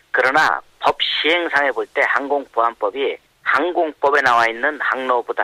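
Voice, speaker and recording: A man whose voice is run through a disguising pitch changer gives slow, careful answers, pausing often on hesitant fillers. The altered timbre sounds very bright and edgy. The sound is dry, as if it comes over a phone line. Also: no echo. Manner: measured, with frequent hesitant "uh" fillers. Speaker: anonymous expert interviewee. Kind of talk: explanatory interview answers.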